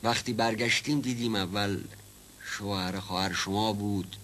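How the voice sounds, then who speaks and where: A man's voice: on the low side, fairly even intonation, fairly bright tone, slight background noise, natural voice. An actor playing a timid, rambling old male servant who stammers and dodges questions in a 1970s TV drama. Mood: nervous. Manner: stammering, evasive, repeats himself. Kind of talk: 1970s television drama acting.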